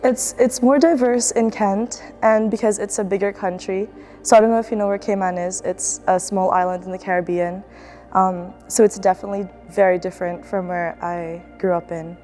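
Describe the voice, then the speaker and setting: A woman's voice: mid-range voice, steady tone, normal speed, warm tone, faint music behind. A young woman student athlete from the Philippines, speaking in a casual, reflective documentary interview with fillers and restarts. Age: young adult.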